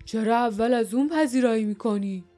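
A woman narrator voicing a greedy, hot-tempered male warrior who talks loudly and threatens in a storybook reading. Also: fairly low pitch, little pitch movement, soft background music, pitched below the performer's own voice, natural voice. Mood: angry. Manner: loud, threatening, gloating.

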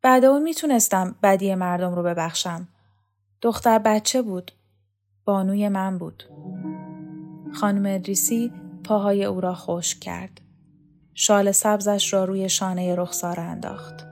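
A woman reading a novel aloud as audiobook narrator, calm and measured. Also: medium pitch, faint music behind. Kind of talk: scripted literary narration.

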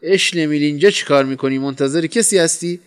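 A man's voice: mid-range voice, close to an everyday voice. A man voicing a blunt, teasing male friend in a storybook reading. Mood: brusque.

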